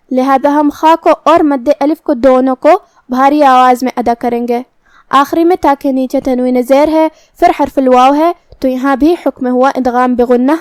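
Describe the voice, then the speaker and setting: Female tajweed teacher, high voice, methodical step-by-step explanations, dry close mic. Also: darkish tone, no echo. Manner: methodical, step-by-step explanation of each letter's sound. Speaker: Quran recitation teacher. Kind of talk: tajweed lesson, explaining then reciting slowly.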